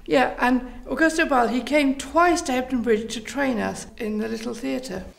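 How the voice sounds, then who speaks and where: A woman with a fairly high voice and a strong creak throughout speaks at a normal speed. Leading a theatre group, she answers an interviewer's questions, explaining things and telling stories.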